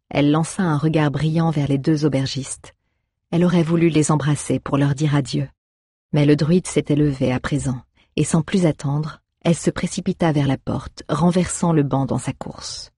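Brief: steady storybook narrator, breathy, mid pitch. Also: no room sound, studio quality. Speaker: audiobook narrator.

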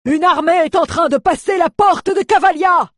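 A narrator voicing a male sentinel who shouts an alarm from the ramparts in an audiobook. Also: very high voice, normal speed, no room sound, clean studio sound, pitched above the performer's own voice.

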